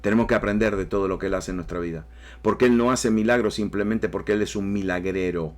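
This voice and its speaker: A man's voice: fairly low pitch, fast talker. A man preaching a sermon emphatically, with rising bursts and repeated phrases. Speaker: pastor.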